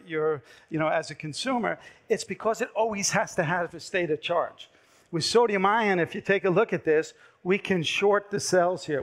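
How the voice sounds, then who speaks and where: Losing his voice as he speaks, a middle-aged startup presenter grows steadily hoarse, his pitch sitting a bit high for a man. He pitches his company from a large dark conference stage via headset mic, brisk and salesy, with a filler here and there.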